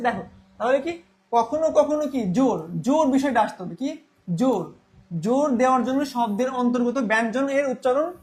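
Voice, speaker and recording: A young man teaching a Bangla grammar class, repeating key terms and asking then answering his own questions. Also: very high-pitched.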